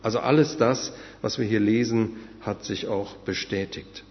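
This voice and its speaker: A man's voice: fairly low pitch, fairly even intonation, unhurried. A man preaching a sermon in an earnest way, speaking directly to his listeners. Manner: earnest, addresses listeners directly, some fillers. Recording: dull sound with long hall reverb.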